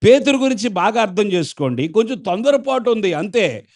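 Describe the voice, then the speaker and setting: High-voiced man preaching with call-and-response. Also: a little fast. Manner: animated, questions the congregation and acts out quotes. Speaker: pastor. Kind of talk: sermon.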